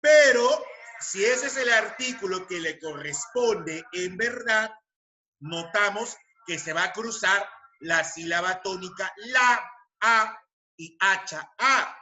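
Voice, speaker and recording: Slow, bright-voiced male grammar teacher. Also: high voice, animated, slight background noise. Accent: Peruvian Spanish. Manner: slow, deliberate, repeats key terms and checks understanding. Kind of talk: grammar lecture.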